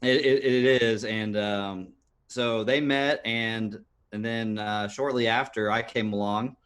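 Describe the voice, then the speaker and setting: A man's voice: on the low side, steady tone, takes it slowly, a bit bright, smooth. A man in his thirties, a podcast guest, telling his life story earnestly, with many fillers and restarts. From United States. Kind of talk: personal storytelling interview.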